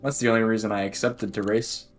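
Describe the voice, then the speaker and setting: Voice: mid-range voice, flat delivery, quick pace, soft background music. A speedrun racer chatting casually with the commentators, in a laid-back, dry manner. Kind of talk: casual chat.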